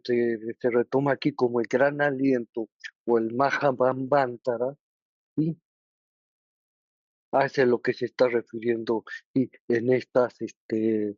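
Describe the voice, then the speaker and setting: Teaching a study group, this medium-pitched man with a Mexican Spanish accent sounds a little mellow as he explains the lesson. His delivery stumbles through restarts and filler words, and he often stops to confirm understanding with tag questions. Audio is dry, dull and low fidelity.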